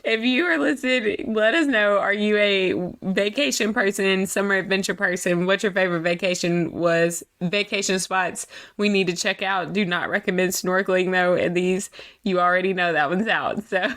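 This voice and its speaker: A woman's voice: medium pitch, moderate pace, a bit bright. A young woman co-hosting a podcast with her husband, chatting casually, laughing often and teasing herself. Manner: laughs often, playful and self-mocking. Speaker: podcast co-host. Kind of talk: casual chat.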